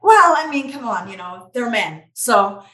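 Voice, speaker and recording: This Austrian woman, a native German speaker, answers interview questions as a business founder in a casual, explanatory way, sprinkling in "you know" often. Her voice sits on the high side, sing-song and unhurried, with a pushed, bright quality. The room sounds roomy and echoey.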